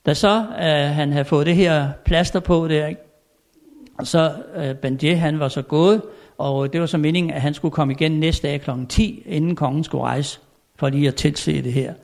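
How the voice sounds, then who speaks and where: An older man telling anecdotes in a chatty way, chuckling often and filling pauses. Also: on the high side, fairly even intonation, gravelly, darkish tone. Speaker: storyteller. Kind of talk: anecdotal storytelling.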